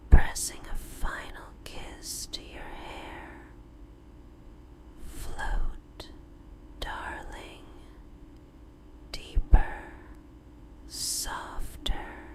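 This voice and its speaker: Very slow whispered role-play, woman as tender girlfriend. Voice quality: breathy, unvoiced whisper. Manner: slow, soothing, tender, with drawn-out pauses. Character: tender, devoted girlfriend lulling her lover to sleep.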